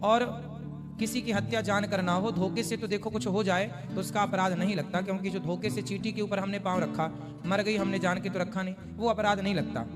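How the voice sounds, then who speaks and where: A man, a spiritual teacher, calmly answering devotees' questions and explaining with everyday examples. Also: sits high, a little fast, long reverb tail, over loud music. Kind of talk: religious question-and-answer discourse.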